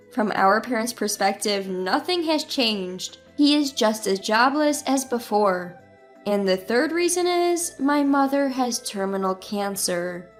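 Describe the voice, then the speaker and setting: A woman in her twenties reads a scripted first-person story in a measured, even delivery. Her voice sits fairly high. Soft music runs quietly beneath her. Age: 20s. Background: faint music.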